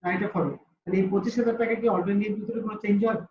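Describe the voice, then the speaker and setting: A man's voice: sits high, steady tone, rapid-fire. A man teaching an online class, asking students questions and answering them himself. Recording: roomy, slightly dull call audio with faint ambience.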